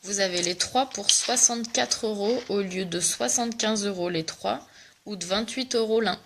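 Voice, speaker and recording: A woman's voice: medium pitch, normal speed, fairly bright tone, a little hiss or hum. A young woman with a cough, chatting casually and joking at her own expense while doing a makeup tutorial. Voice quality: joking, self-mocking, chatty. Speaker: makeup vlogger selling cosmetics.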